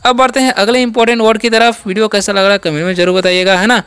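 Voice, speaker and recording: A man's voice: sits high, steady tone, racing, fairly bright tone, clean tone, no echo. A man hosting a Hindi-medium English vocabulary lesson, repeating each word's sound and meaning in a question-and-answer teaching manner. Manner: repetitive call-and-answer teaching, asks and answers own questions. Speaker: English teacher and channel host.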